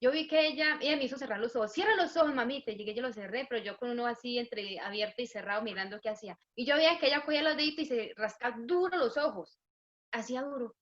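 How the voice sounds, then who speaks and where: A woman, a pastor's wife, telling a lively family anecdote in a casual chat at home. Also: fairly high pitch, fast. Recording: dull lo-fi sound.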